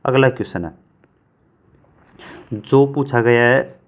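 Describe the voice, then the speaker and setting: A man teaching an exam-prep grammar lesson at a middle pitch. He asks each question and answers it himself, repeating the answer. He reads the English example sentences slowly, word by word.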